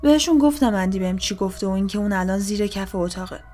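A woman's voice: mid-range voice, lively intonation, soft background music. A woman reading a first-person horror story aloud, often sinking into a whisper. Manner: hushed, often dropping to a whisper. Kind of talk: scripted horror narration.

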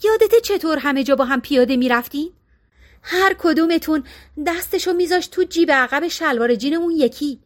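A woman's voice: high-pitched, lively intonation. A woman voicing an eager, emotional middle-aged wife in an audiobook. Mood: pleading. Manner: eager, pleading. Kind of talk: audiobook character reading.

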